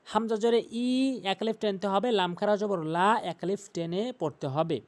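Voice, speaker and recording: A man teaching Quran recitation, patiently repeating pronunciation rules and chanting slow examples. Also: high-pitched, darkish tone. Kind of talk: recitation lesson.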